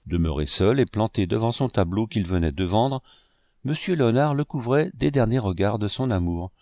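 A man narrating a classic novel aloud in a measured, expressive way. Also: fairly low pitch, dry recording. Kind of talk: audiobook reading.

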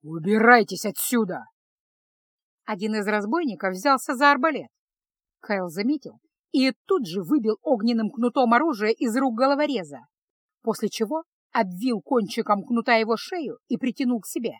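A woman narrating a fantasy audiobook in an even, expressive storytelling manner. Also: fairly high pitch, normal speed, dry recording. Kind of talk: scripted narration.

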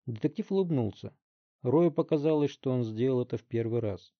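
A man reading a story aloud in steady, middle-pitched narration. The sound is dry and a little dull, with no room around the voice. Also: brisk, dry recording. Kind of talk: audiobook narration.

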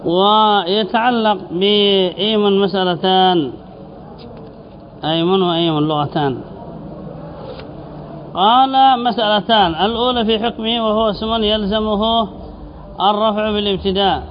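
A man teaching as a sheikh, reading a classical grammar text aloud, slowly repeating word forms and asking his students questions. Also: high voice, fairly even intonation. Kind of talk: classical text commentary lesson. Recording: dull lo-fi lecture recording with faint hiss.

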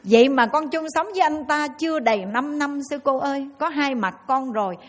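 A woman's voice: sits high, a little fast. A woman with a Southern Vietnamese accent, a Buddhist nun giving a dharma talk and acting out the people in her stories. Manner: lively storyteller who acts out the people in her stories.

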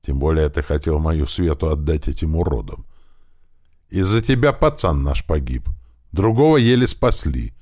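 Man doing a ruthless leader, curt commands, low voice, dry. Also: animated, moderate pace, a little mellow, no room sound, full character voice. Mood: menacing. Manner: curt commands, cold threats. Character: hard, ruthless male squad leader.

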